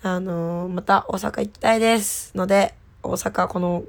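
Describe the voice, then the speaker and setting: A woman's voice: medium pitch, steady tone, a little slow, vocal fry. A woman with a slightly stuffed-up, nasal voice, chatting casually and playfully to listeners as an idol host. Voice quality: nasal from a cold. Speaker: idol group member hosting her solo talk show. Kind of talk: casual solo chat to listeners.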